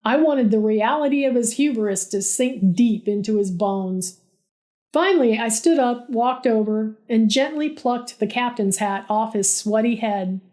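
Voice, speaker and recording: A woman's voice: fairly high pitch, unhurried, dark tone. A woman narrating a funny relationship story in a dry, sarcastic way.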